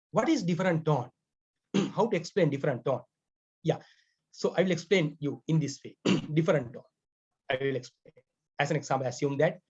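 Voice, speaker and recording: A Sri Lankan man whose first language is Sinhala, teaching IELTS essay writing in English with a Sri Lankan accent. He often repeats his key phrases and clears his throat. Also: a little high, a little mellow. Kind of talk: explanatory lecture. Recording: dull lo-fi recording.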